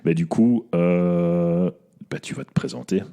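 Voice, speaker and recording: A man's voice: low-pitched, measured pace, gravelly, warm tone. A man hosting a podcast interview, chatting casually with frequent fillers and restarts. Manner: hesitant, many fillers and restarts. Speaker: podcast host.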